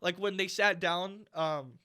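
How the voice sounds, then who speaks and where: A man's voice: high-pitched, slow pace, pushed and bright, smooth. A young man co-hosting a podcast, telling a story in a casual, profane and exasperated way. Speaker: podcast co-host. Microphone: podcast mic.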